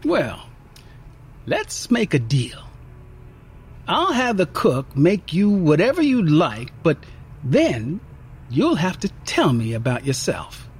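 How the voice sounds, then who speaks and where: A man's voice: fairly high pitch, wildly swooping pitch, slow, pauses often, husky, heavily acted. A man voicing a friendly young woman diner waitress with a faint Southern twang, chatty and teasing. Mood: coaxing.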